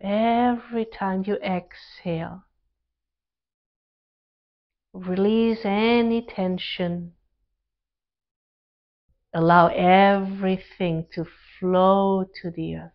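As an instructor leading a guided relaxation meditation, a woman gives calm, gentle instructions in short phrases separated by pauses. Her voice is mid-range, and the recording's highs are cut off.

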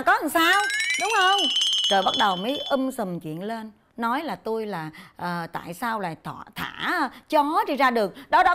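An actress playing a fussy, hot-tempered middle-aged mother, telling her story in a chatty, dramatic way. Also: fairly high pitch. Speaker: dog-owning mother in a traffic-safety skit. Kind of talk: televised comedy sketch acting. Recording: music bed under the dialogue.

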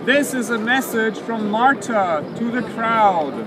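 A man crying out messages like a town crier, declaiming loudly and deliberately to passers-by outdoors in a public space. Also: very high-pitched. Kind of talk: town crier proclamation, reading messages aloud to a crowd. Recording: noisy outdoor public space, street ambience.

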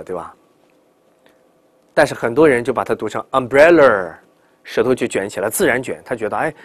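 A middle-aged man teaches English pronunciation with a lively, swinging voice, stretching words out slowly as he demonstrates them. He peppers the class with rhetorical questions. The sound is dry and close to the mic. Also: mid-range voice, slightly rough, dry recording. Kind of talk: classroom lecture.

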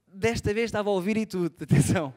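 A young man with a European Portuguese accent doing live stand-up comedy, animated and self-mocking, swinging from soft asides to loud outbursts. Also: high voice, fast. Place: theatre stage before a live audience.

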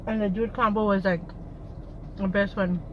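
A woman's voice: medium pitch, fairly even intonation, muffled recording. Eating-show host, middle-aged woman from San Antonio, mouth full, casual storytelling, faint background noise. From San Antonio, Texas. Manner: reminiscing, unhurried, chewing between words. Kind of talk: casual chat while eating.

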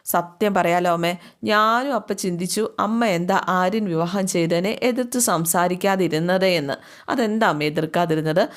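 A woman voicing a young adult son who speaks softly to comfort his mother. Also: lowish voice, normal speed, natural voice. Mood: gentle.

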